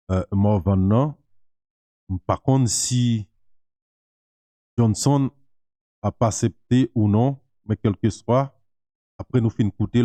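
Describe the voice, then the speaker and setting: A man, hosting and giving reflective, measured commentary and repeating key phrases. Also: on the low side, mellow, no room sound.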